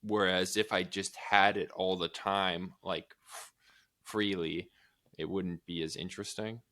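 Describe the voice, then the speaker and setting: A man's voice: sits low, steady tone, unhurried, bright, forceful tone. A young man co-hosting a podcast, talking loosely with lots of filler words and some swearing. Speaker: podcast co-host. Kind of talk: casual chat.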